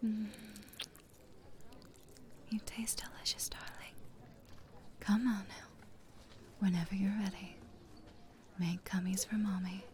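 A woman speaking in a soft, coaxing, teasing whisper close to the mic, as in an intimate audio roleplay. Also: medium pitch, steady tone, unhurried, pauses often, slight background noise.

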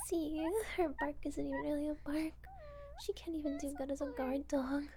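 A woman playing a haughty, bullying purebred cat girl in a breathy ASMR role-play, condescending one moment and fawning the next. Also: high-pitched, background noise. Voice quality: breathy, soft-spoken. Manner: condescending, cutting, gushing and meowing when flattering.

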